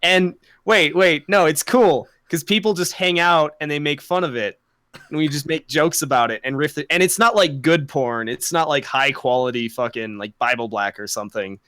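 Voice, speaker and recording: A man's voice: fairly high pitch, normal speed, pushed and bright, smooth, dry recording. A young man co-hosting a podcast, chatting casually, rambling, swearing a lot and laughing often. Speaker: podcast co-host. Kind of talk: casual chat.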